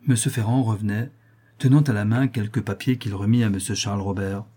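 Male audiobook narrator, measured and steady, warm tone with a husky edge. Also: fairly low pitch. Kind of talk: scripted narration of a novel.

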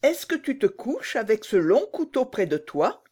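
A woman's voice: high-pitched, expressive, normal speed, voice pushed up. A woman voicing a timid little girl who asks anxious, pleading questions, in a storybook reading.

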